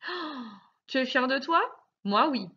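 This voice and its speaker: A woman teacher with a French accent, giving a recorded phonics lesson to young children, speaking slowly and articulating every word with sing-song emphasis. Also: sits high, lively intonation, bright, forceful tone, highs cut off. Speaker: primary school teacher.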